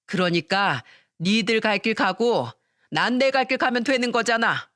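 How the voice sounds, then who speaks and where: A narrator voicing a shameless middle-aged mother-in-law who shouts defiantly for a storytelling radio piece. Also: medium pitch, expressive, measured pace, dry recording, studio quality, voice pushed up. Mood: brazen, scornful.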